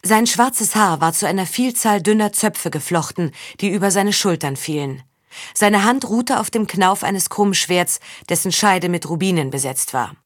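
A woman narrating a novel as an audiobook in a measured storytelling manner. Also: mid-range voice, animated, no room sound, clean studio sound. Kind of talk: scripted narration.

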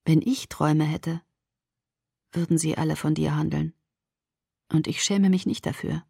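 A woman reading the quiet, tender lines of a composed young man, soft and matter-of-fact. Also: lowish voice, steady tone, brisk, no echo, clean studio sound, natural voice. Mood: hushed.

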